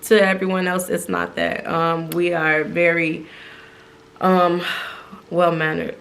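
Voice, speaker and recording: Playful chatty woman with a gravelly low voice. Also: slow, a bit bright, a little hiss or hum. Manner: playful, chatty, laughs often. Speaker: co-host of a couple's channel. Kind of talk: casual chat.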